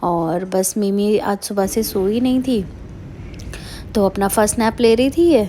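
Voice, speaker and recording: A woman's voice: medium pitch, fairly even intonation, a little slow, mellow, slight background noise. Chatty woman narrating her travel vlog. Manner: chatty, with many fillers and Hindi-English mixing. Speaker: vlogger mother.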